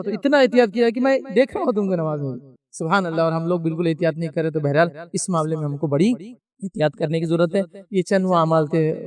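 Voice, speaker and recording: A man delivers a religious lecture in a high voice. He talks conversationally and explains his points with everyday examples. He sounds a little distant from the microphone. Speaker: Islamic preacher.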